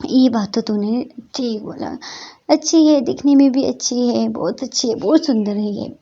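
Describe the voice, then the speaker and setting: A woman's voice: a little high, moderate pace, creaky, dark tone. A woman voicing an affectionate middle-aged mother who scolds her children. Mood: fond scolding. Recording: dull lo-fi recording.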